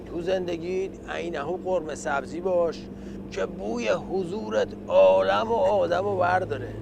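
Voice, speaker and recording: A man playing a chatty, jokingly complaining old taxi driver, a teasing father with a creaky voice, in a scripted satirical comedy. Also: sits high, animated, highs cut off. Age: older. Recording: faint vehicle and street noise.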